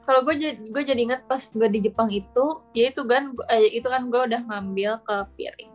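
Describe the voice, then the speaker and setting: A woman's voice: fairly high pitch, a little fast, soft background music. A young woman chatting casually as a guest, telling a story with hesitant restarts.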